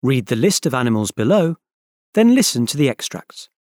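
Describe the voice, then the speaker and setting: A man's voice: medium pitch, sing-song, normal speed, darkish tone, no room sound, studio quality. A man reading scripted instructions and short factual passages as an exam announcer.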